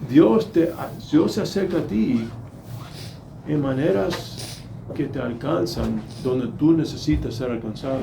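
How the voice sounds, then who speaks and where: A middle-aged man preaching a sermon, emphatic, acting out quoted voices and moving between soft and loud delivery. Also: on the high side, unhurried, gravelly, background noise.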